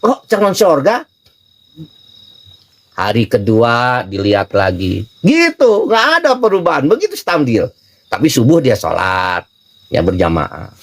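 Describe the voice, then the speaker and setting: A man's voice: medium pitch, wildly swooping pitch, unhurried. A man with an Indonesian accent giving an informal religious study talk, telling stories and acting out the dialogue while joking with his listeners. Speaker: religious teacher.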